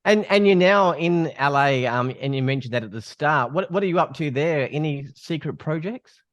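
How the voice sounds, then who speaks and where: A man's voice: fairly high pitch, expressive, normal speed, no room sound. Man hosting an interview. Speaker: podcast host. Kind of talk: interview questions.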